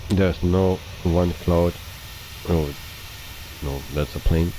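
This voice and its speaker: A man hosting a flight simulator live stream, chatting casually with viewers and often pausing with hesitations. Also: low voice, slight background noise, rough recording. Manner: relaxed, chatty, frequent hesitations. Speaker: flight sim livestreamer.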